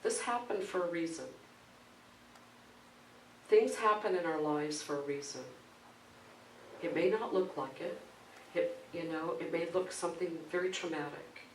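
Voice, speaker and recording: A man's voice: fairly high pitch, measured pace, long pauses. Minister guy preaching casual, lots of "right?", echoey church, far from mic, faint noise. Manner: conversational, asks the congregation questions. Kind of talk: sermon with storytelling. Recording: roomy hall from a distance, faint background noise.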